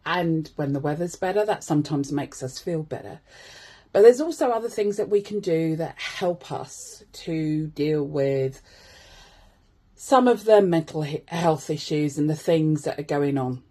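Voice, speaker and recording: Low, husky-voiced woman chatting to followers. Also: animated, measured pace, dark tone. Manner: chatty, self-deprecating asides. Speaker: wellbeing coach and host. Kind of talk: informal video chat to followers.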